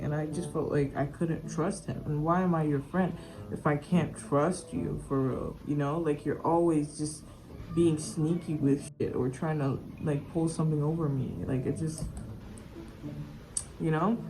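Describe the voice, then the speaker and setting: A young woman talks through a personal story in a loose, rambling way, restarting sentences and leaning on fillers. Her voice sits on the lower side for a woman. A faint hiss of noise runs under the recording. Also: a little slow, mellow, rough recording. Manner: chatty, with many fillers and restarts. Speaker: vlogger. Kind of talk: casual storytime.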